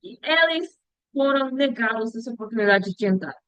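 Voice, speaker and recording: Direction slow, hesitant young woman vlogging. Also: on the high side, lively intonation, a bit bright, no room sound. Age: young adult. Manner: slow, hesitant, searching for words with restarts. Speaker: future missionary practicing a language. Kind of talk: casual reflective vlog monologue. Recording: dull, dry lo-fi recording.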